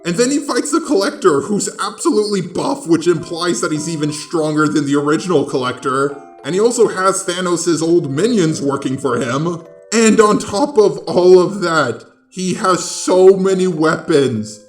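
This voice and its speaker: With a voice on the high side and lively intonation, a man hosts a video essay at a moderate pace, his scripted lines emphatic, sarcastic and incredulous. Music plays in the background, and the recording has a roomy echo.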